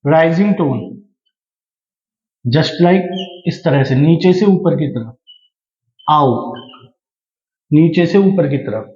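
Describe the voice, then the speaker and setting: A man teaching a language class, explaining slowly and deliberately and repeating key terms, with English phrases mixed in. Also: a little high, animated. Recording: echoey room, dull lo-fi sound.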